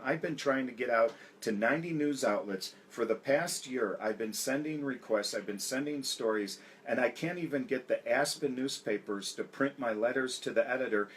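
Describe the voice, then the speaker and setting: A man's voice: mid-range voice, slight background noise. An American man speaking emphatically as a political candidate in an interview, listing grievances. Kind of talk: campaign interview.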